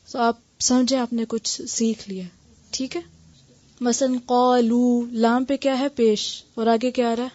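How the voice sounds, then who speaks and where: A woman teaching Quran recitation and tajweed, patiently explaining each point and demonstrating letter sounds slowly, often checking that listeners follow. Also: a little high, darkish tone, dry recording. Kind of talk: tajweed lesson with translation. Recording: dull dry lo-fi recording.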